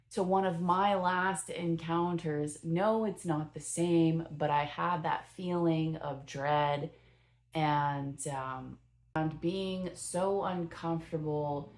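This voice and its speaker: A young woman talks through her first impressions of a film in a loose, rambling vlog style, filling gaps with "um" and "like" and correcting herself as she goes. Her voice sits a little low for a woman. She speaks slowly and without hurry. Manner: chatty and rambling, with many fillers and self-corrections. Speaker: movie reviewer.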